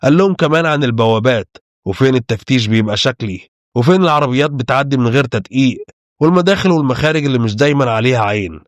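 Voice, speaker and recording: A man's voice: medium pitch, expressive, very fast, no room sound. A man with an Egyptian Arabic accent narrating a dramatic true spy story, acting out the dialogue himself. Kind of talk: scripted true-crime narration.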